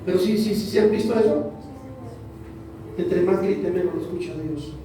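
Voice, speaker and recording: A man's voice: sits high, normal speed, dark tone, slight background noise. A man preaching a sermon to his congregation, repeating phrases for emphasis. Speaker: pastor. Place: church hall. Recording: very echoey church hall, voice from a distance.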